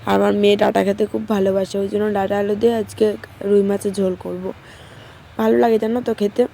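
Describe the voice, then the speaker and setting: A young mother, her voice hoarse and strained, chatting homely and casually to her viewers. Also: medium pitch, flat delivery, fast talker, a little hiss or hum. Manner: chatty, homely, soft baby talk with her daughter. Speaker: vlogger, mother. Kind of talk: casual vlog narration to viewers.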